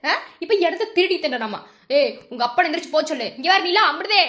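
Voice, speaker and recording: A woman with a Madurai Tamil accent voicing a sick, sharp-tongued older mother-in-law in a cartoon, scolding and complaining. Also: extremely high pitch, expressive, fast talker. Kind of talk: cartoon voice acting.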